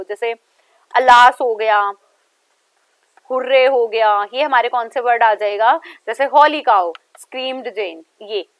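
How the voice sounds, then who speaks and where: A woman teacher with an Indian accent, explaining step by step in a lecture that mixes Hindi and English and slowing down whenever she reads English lines aloud. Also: fairly high pitch, no echo. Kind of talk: exam-prep lecture mixing Hindi and English.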